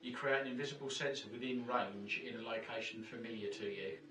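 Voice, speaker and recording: Male tabletop player, casual talk, very bright forceful voice, roomy pickup. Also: mid-range voice, steady tone, a little fast. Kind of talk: casual game chat. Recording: echoey room, distant mic.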